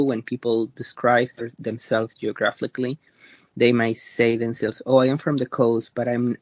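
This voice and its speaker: A man from Peru with a Peruvian accent, answering interview questions in a thoughtful, halting way, often pausing to rethink his words. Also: mid-range voice, no room sound. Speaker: interview guest, researcher. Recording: dry, slightly dull lo-fi sound.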